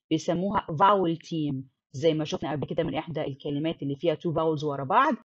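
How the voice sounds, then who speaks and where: A woman's voice: lowish voice, slightly rough, no room sound, muffled recording. A woman teaching phonics, mixing English terms into her explanations and checking in with the learner often.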